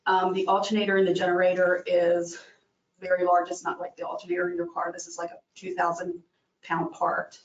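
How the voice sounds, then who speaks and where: Low-pitched female staffer, halting explainer, distant in a dull hall. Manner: explanatory, with frequent fillers. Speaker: maintenance department staff. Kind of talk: presenting a request at a public meeting. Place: county meeting room. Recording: distant, echoey, dull room audio.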